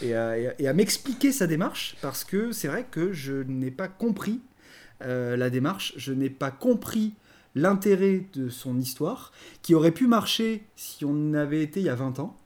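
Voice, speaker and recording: A man's voice: fairly high pitch, sing-song, normal speed, darkish tone. A man co-hosting a podcast, ranting animatedly in casual chat with frequent stammering restarts. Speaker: podcast co-host reviewing comics.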